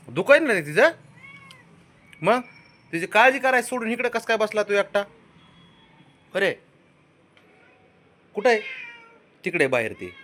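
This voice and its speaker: A man's voice: sits high, a bit bright. A man filming his pets, coaxing and questioning his cat in a sing-song baby-talk voice. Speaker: pet owner filming his cats. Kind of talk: casual pet vlog.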